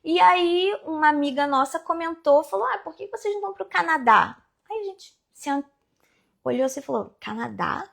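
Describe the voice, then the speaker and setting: A woman's voice: high-pitched, brisk, vocal fry. A woman in her forties from Rio de Janeiro state, a business owner telling her story as an interview guest over a video call. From Rio de Janeiro state, Brazil. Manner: lively storyteller who acts out quoted dialogue.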